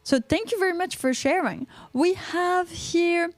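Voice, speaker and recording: High voiced quebec french accent lady chatting on a live podcast, repeats herself reading comments, dry close sound. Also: a little slow, dry recording. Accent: Québécois French. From Quebec, Canada. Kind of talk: casual livestream chat.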